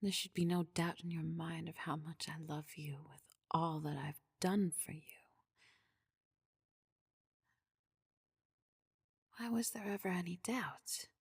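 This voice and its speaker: Woman playing a deep, breathy possessive queen, ASMR role-play. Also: no echo, clean studio sound, heavily acted. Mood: tender, yearning. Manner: formal, measured, controlling. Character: possessive, devoted necromancer queen, regal and soft-spoken.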